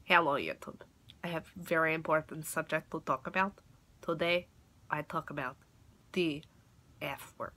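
A woman's voice: low-pitched, moderate pace, pauses often, slight background noise, pitched below the performer's own voice. A teenage girl voicing an exasperated girl with a thick fake Russian accent, doing a comedic rant with broken grammar. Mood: mock solemn. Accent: put-on Russian. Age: teens. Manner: loud mock-serious ranting, broken grammar.

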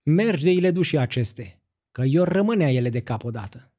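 Brief: a commanding old holy woman read by a man, dark husky tone, measured counsel, storybook. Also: fairly high pitch, expressive. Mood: consoling.

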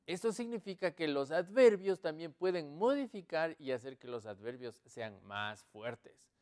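A man teaching English in an online lesson, explaining slowly and repeating each example sentence. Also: fairly high pitch, very animated, a little mellow.

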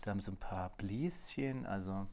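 A man's voice: low-pitched, moderate pace. A man co-hosting a board game video, talking casually through his turn and counting cards under his breath. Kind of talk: casual let's play commentary.

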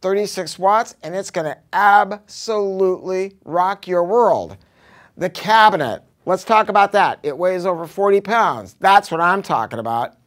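In a carpeted audio showroom lined with curtains and acoustic panels, an American hi-fi dealer in his sixties gives an unscripted, casual sales pitch reviewing a product. He's animated, emphatic and slangy, yet unhurried.

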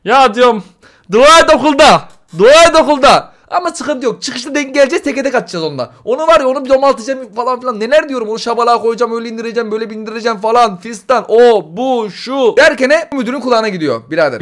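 A young man telling embarrassing stories as a comic monologue, slangy and animated. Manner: animated, slangy, quick comic storytelling with swings in pitch.

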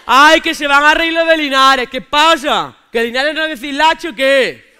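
A woman playing a cocky young Andalusian man from Jaén who heckles loudly from the audience, calling out to the teacher. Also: sits high, expressive, measured pace, exaggerated voice. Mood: defiant. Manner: brash, indignant, keeps calling out "maestra". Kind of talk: stand-up character sketch on stage.

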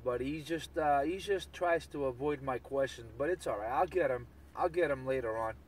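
With a bit of hiss or hum on the line, a CB radio operator at medium pitch and normal speed chants slangy catchphrases repeatedly during casual banter. The signal is distant, with vehicle sounds from outdoors.

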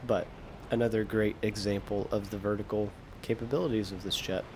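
A young American man with a fairly low voice talks through his gameplay in a loose, laid-back way, joking at his own expense and trailing off mid-thought. A faint low rumble sits under his voice. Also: fairly quick. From United States. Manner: relaxed, self-deprecating, trails off mid-sentence. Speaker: gaming video creator. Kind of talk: casual gameplay commentary.

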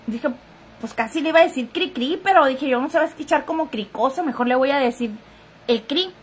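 A woman's voice: high voice, a little fast. A woman hosting a casual gossip live stream, chatting straight to viewers, thanking commenters and sniffling now and then. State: sniffly, runny nose.

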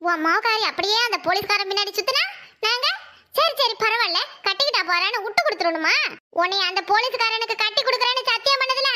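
A woman voicing a bossy, scheming middle-aged female in-law in a cartoon, with a shrill, taunting voice and a Kanyakumari Tamil accent. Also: fast talker, pushed and bright.

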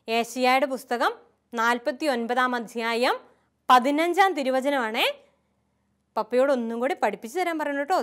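A woman who is a nun, teaching a catechism lesson to young children in a sing-song, coaxing tone with a Kerala Malayalam accent. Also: on the high side.

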